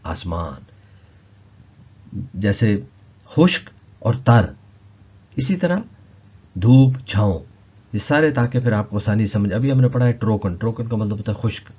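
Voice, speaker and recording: A man teaching a language lesson, slowly repeating each word several times. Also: on the low side, warm tone, breathy edge, highs cut off. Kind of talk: explaining vocabulary lesson.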